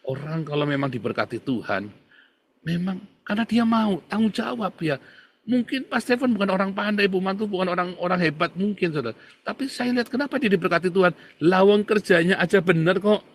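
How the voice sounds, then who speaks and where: A male pastor giving a casual, conversational sermon. He talks to the congregation directly and swings between loud bursts and quiet asides. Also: high voice, a little fast. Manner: animated, colloquial, addresses listeners as "saudara".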